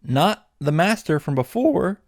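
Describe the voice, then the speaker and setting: A fairly high-pitched, very animated male voice moves at a measured pace in a dry, studio-quality recording. The speaker is a video game summary host giving a sarcastic, irreverent recap of a visual novel, complete with joking asides and comic swearing.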